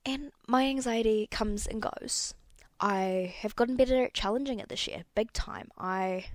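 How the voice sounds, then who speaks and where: Her voice sits fairly high and moves at a normal speed, with no room sound in the recording. She's a young adult running a solo podcast, chatting casually and candidly, wandering a little and fixing her words mid-thought.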